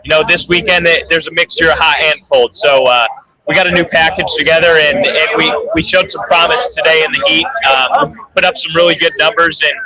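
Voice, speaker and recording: A man, a racing driver, answering interview questions in a relaxed way with many fillers. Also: on the high side, brisk, poor audio. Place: crowded fan event. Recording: loud crowd behind.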